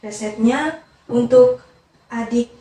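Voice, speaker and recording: A woman's voice: a little high, flat delivery, slow pace, dark tone. A young woman speaking in a polite, formal customer service voice, as a pharmacist in a rehearsed counseling role-play. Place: echoey indoor room, away from the mic. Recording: echoey room, distant mic, faint noise.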